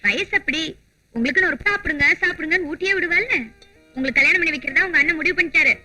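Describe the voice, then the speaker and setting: An actress playing a cheerful, teasing young sister-in-law in a film drama. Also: female voice, very high voice, very fast, soft background music, heavily acted. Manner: teasing, lively. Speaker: actor in a film. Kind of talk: film dialogue.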